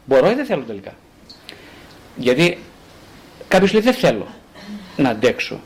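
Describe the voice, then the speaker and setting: A male psychotherapist talking casually about relationships, rhetorical and animated, acting out the voices he quotes. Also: medium pitch.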